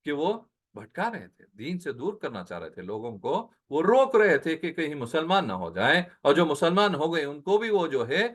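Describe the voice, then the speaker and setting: A man giving a Quran translation lesson, explaining word by word, asking rhetorical questions and slowing down on Arabic words. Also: on the high side, big pitch swings, fairly bright tone. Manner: explains word by word, mixing in English phrases; slows down on Arabic words, repeats them. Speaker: Quran teacher.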